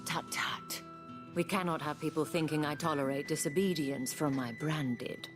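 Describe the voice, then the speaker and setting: A woman playing a poised, teasing madam in a video game, speaking slowly and deliberately, often dropping to a breathy near whisper. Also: sits low, fairly even intonation, over music. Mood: imperious, sly. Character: poised, seductive brothel madam, teasing and calculating. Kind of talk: scripted video game acting.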